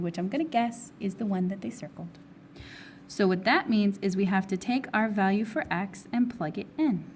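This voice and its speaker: A woman teacher with a hoarse, fading voice, working step by step through a recorded math review and asking herself questions before answering them. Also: medium pitch, a little hiss or hum. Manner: steps through problems, asking and answering her own questions. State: hoarse, losing her voice, with coughs. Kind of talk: recorded test review lesson.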